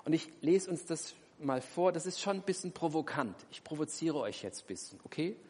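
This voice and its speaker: A male preacher delivers an emphatic sermon and keeps asking his listeners rhetorical questions. His voice is slightly raised in pitch and has a husky edge. Long reverb trails after each phrase, as if spoken in a large church hall. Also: big pitch swings, fairly quick, dark tone.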